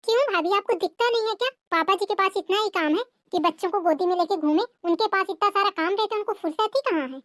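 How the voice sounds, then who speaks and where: A woman's voice: extremely high pitch, quick pace, hardly any pauses, fairly bright tone, no room sound, studio quality. A woman voicing a scornful young adult sister-in-law in a cartoon family drama, taunting and nagging.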